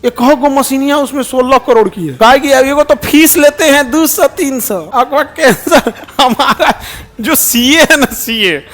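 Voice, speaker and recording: A middle-aged man with a Bihari Hindi accent, giving a lively, joking informal talk to an audience and often asking them questions. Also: very high voice, unhurried. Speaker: teacher and public speaker.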